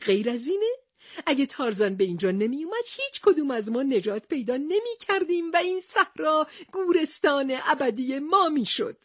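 A woman voicing an excitable male sea captain in a storybook, talking in an agitated, emphatic way. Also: high-pitched, no room sound, studio quality, pitched above the performer's own voice. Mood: insistent.

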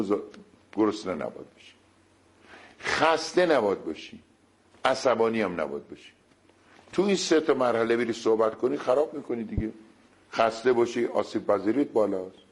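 A man giving a talk on negotiation, speaking straight to his listeners and turning to them often. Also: breathy edge. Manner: lively, shifting pitch, speaks directly to listeners. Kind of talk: lecture-style talk.

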